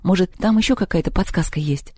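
The narrator of an audiobook voicing an anxious, clever schoolgirl who speaks in excited exclamations. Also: medium pitch, a little fast, husky, no room sound, studio quality, natural voice. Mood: eager.

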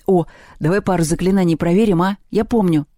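A reader voicing a cheerful boy who jokes in a lively way. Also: medium pitch, a little fast, no echo, clean studio sound, close to an everyday voice. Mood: joking. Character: cheerful joking boy, easily deflated.

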